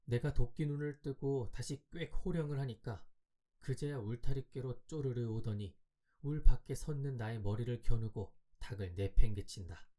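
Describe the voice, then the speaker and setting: Mellow-voiced man reading an audiobook. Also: mid-range voice, moderate pace. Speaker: audiobook narrator. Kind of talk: scripted audiobook narration for sleep.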